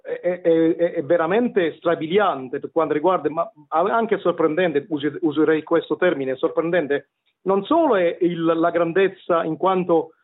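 This radio guest, a middle-aged tenor and vocal coach from Naples, Italy, joins the show remotely on a tinny phone line. In an unhurried, slightly high voice with a Neapolitan accent, he tells his story in a hesitant, wordy way, often repeating himself word for word.

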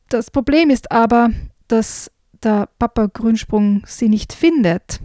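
A woman presenting children's books, moving between casual chat and lively read-aloud storytelling. Her voice sits mid-range and the sound is dry and close. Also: medium pitch, no echo.

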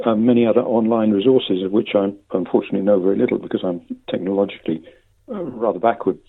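An older man giving a hesitant, stammering interview with measured academic phrasing over a phone. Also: on the low side, gravelly, breathy edge. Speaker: interviewee, lexicographer. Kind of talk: interview conversation. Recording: narrow phone-like line.

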